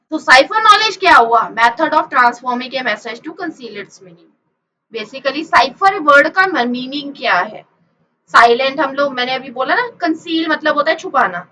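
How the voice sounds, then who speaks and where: A woman's voice: high voice, sharp tone, dull audio. A woman teacher explaining a lesson from slides. She asks questions and answers them herself, and she mixes English terms into her explanation.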